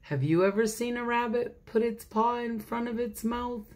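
A woman's voice: on the high side, moderate pace, a little mellow, slight background noise. A woman pastor reading a children's storybook aloud, chatting straight to the children and laughing often.

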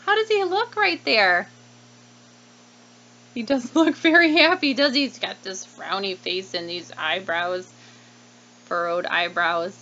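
A woman in her thirties reads a picture book to children the way a teacher would, lively and child-directed, tossing in questions as she goes. Her voice sits at a medium pitch with a measured pace and frequent pauses. She's at a desk in a small indoor room, and the webcam audio sounds slightly dull with faint noise.

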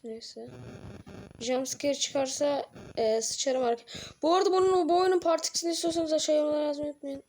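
A young woman with a high voice talks her way through a horror game as a let's-play commentator. She is jumpy and excitable, cursing at scares, then sinking into low mutters while she plays. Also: a little fast, slight background noise. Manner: jumpy and excitable, swearing, drops to low mutters between outbursts. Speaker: gaming channel host.

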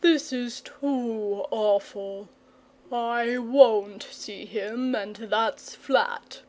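Woman voicing a slow, languid old dragon. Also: a little high, darkish tone. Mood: plaintive. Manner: slow, drawling, mild. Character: lazy, languid old male dragon, gentle and timid.

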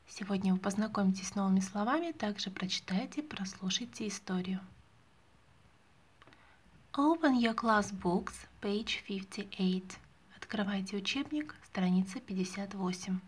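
A woman's voice: mid-range voice, normal speed, husky. A woman teacher narrating a scripted lesson for young children in short, simple instructions.

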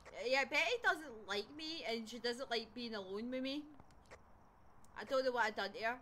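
A woman's voice: fairly high pitch, moderate pace, a bit bright, slight background noise. A woman streaming a ghost-hunting game, chatting casually and shrieking and laughing when startled. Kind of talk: casual gaming chat.

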